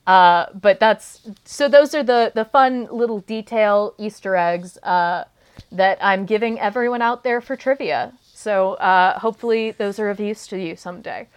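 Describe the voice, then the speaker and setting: A woman's voice: medium pitch, moderate pace, clear, resonant tone. A woman co-hosting a podcast, chatting casually and laughing now and then as she talks. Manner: chatty, laughs while talking. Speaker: podcast co-host.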